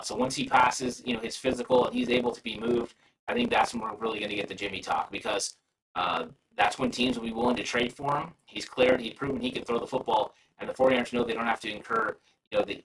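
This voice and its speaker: Man, robotic garbled connection audio, distant from the mic, gravelly, casual rambling host. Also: mid-range voice, a bit bright. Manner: rambling, frequent restarts and fillers. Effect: garbled robotic-sounding audio from a bad connection. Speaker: sports podcast host. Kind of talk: casual livestream chat.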